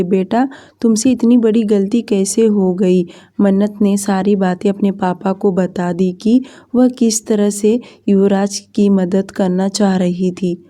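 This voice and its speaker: Slow, dark-voiced woman storyteller. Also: medium pitch, steady tone. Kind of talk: audiobook story narration.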